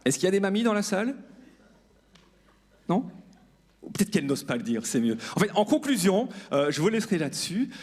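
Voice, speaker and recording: A man in his 40s, a stand-up comedian, works a live comedy club stage with a self-deprecating monologue aimed straight at the audience. His voice is high, a little mellow and very animated, moving briskly but broken by long pauses.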